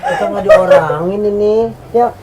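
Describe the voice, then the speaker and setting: A man's voice: very high voice, wildly swooping pitch, normal speed. A man joking in casual group chat, laughing and playing it mock-formal. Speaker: vlog team member. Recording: loud music and crowd noise behind.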